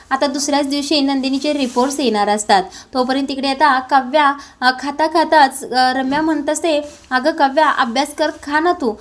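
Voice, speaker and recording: A woman retelling a TV serial's plot in a steady storytelling way. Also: sits high. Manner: steady storytelling with many "now" links. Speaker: serial episode recap narrator.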